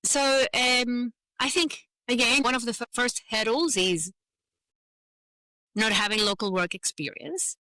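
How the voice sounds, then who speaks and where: On a podcast, a migrant-professional advocate with a Venezuelan accent and Spanish as her first language explains herself earnestly in a conversational interview, often saying "you know." Her fairly high voice is bright and forceful at a measured pace. It's a dry, low-quality recording.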